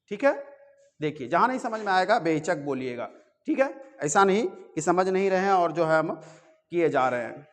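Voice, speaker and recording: In a coaching classroom, a man teaches a reasoning class, coaxing his students along and frequently checking that they're following. His voice is fairly high, with a long reverb tail on the recording.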